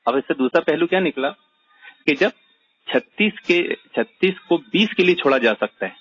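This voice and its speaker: A man's voice: fairly high pitch, lively intonation, a bit bright, husky, lo-fi sound. A man teaching a religious point in a debate-style chat, arguing with pointed rhetorical questions. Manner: argumentative, rhetorical questions, emphatic.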